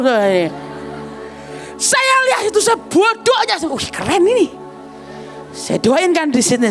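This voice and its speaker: High-voiced woman pastor preaching animatedly. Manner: animated storytelling, often calling listeners "saudara"; bursts into shouts and laughs, then drops quiet and somber. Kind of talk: sermon.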